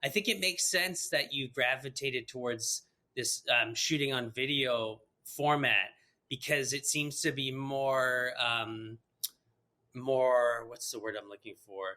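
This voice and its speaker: A man's voice: mid-range voice, slow, bright, forceful tone. A man hosting a podcast, chatting casually and rambling, with frequent laughter. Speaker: podcast host. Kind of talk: casual interview chat.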